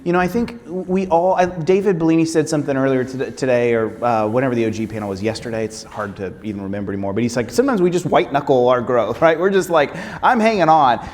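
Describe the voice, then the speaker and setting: A man's voice: medium pitch, quick pace, few pauses, darkish tone, a little hiss or hum. A man moderating a conference panel in an upbeat, enthusiastic and conversational way. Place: conference stage with long hall reverb. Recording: reverberant conference hall.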